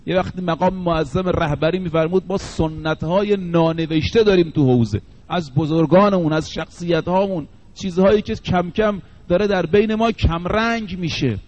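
A man, a cleric, preaching a sermon and slowing down to stress the sayings he quotes. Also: high voice, darkish tone, highs cut off.

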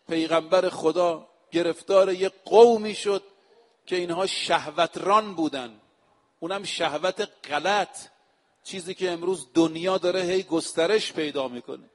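A male preacher giving a sermon, speaking to his listeners directly and reciting scripture quotes slowly and with emphasis. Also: high-pitched, big-room sound. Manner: addresses the audience directly. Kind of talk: religious sermon.

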